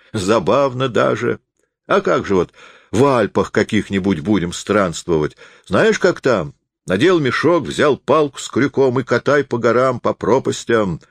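A man's voice: mid-range voice, animated, unhurried, gravelly, no echo, clean studio sound, pitched above the performer's own voice. A man playing a boastful, petulant middle-aged schemer who talks with smug, relishing bluster.

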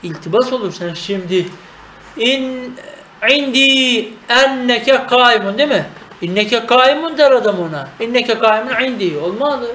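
A man's voice: very high-pitched, lively intonation, measured pace, pushed and bright, reverberant. A man teaching Arabic grammar in a traditional lesson, asking questions and answering them himself. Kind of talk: traditional madrasa-style lesson.

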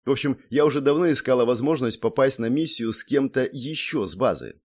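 A man's voice: mid-range voice, animated, darkish tone. A man reading an audiobook, voicing a brash, teasing young blonde woman who snorts and scoffs. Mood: explaining. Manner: snorting, exclaiming, quick to scoff. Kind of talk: audiobook character voice.

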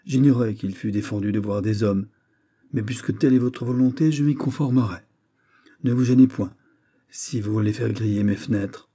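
A man's voice: lowish voice, normal speed, dark tone, breathy edge. A man reading aloud, voicing a proud young princess who answers with cool, cutting irony. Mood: defiant.

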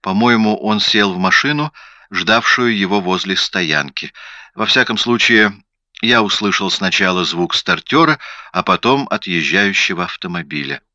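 A meek, hesitant little husband, as an audiobook reader voices him who answers in a careful, apologetic way. The voice is low and bright, the recording dry and a little dull. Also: male voice, animated, moderate pace, no echo, heavily acted. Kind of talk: audiobook character reading.

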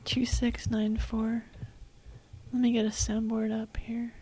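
A woman co-hosting prank calls, speaking in a quiet whisper. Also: on the high side, level tone, slow, breathy edge. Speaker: prank call co-host.

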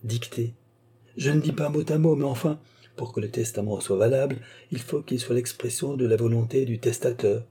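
A man's voice: mid-range voice, normal speed, dark tone, husky, pitched above the performer's own voice, close to an everyday voice. A man voicing a young man, cousin of a dying marquis, speaking firmly and with heat. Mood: pleading.

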